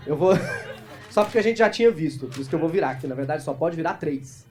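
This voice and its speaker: A man from Brazil doing improvised stand-up crowd work, talking fast and teasing the audience on a club stage. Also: a little high, lively intonation, darkish tone, soft background music. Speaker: stand-up comedian. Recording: live club recording with audible crowd noise.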